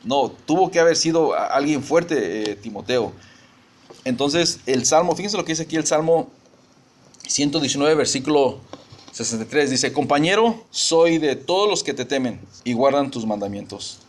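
A middle-aged pastor preaches to his congregation in a loose, conversational way. His voice sits a little high for a man, and he often restarts his sentences as he talks things through. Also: lively intonation, moderate pace. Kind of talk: sermon.

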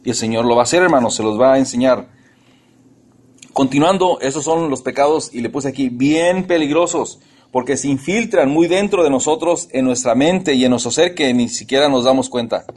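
A man preaching an earnest sermon to his congregation, calling them brothers and mixing pleading prayers with animated asides. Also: medium pitch, a little fast.

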